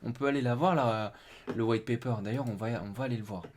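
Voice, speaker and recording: A mid-pitched man chats casually on his live stream. He thinks aloud as he reads, trips over restarts and fillers, and stumbles through English words in his French speech. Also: quick pace, slight background noise.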